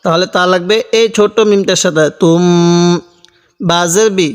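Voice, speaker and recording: Soft background music accompanies a man teaching Quran spelling and recitation, who explains rules methodically and repeats every syllable in slow chant. His voice sits high, steady in tone and moderate in pace, and the recording has a long hall reverb.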